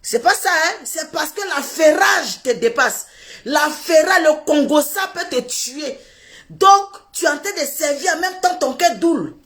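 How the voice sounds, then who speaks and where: High-pitched lady, laughing as she acts out funny everyday stories. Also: animated, a little slow, fairly bright tone. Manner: laughs through her words, acts out little scenes. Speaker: social media commentator. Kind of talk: animated comic storytelling.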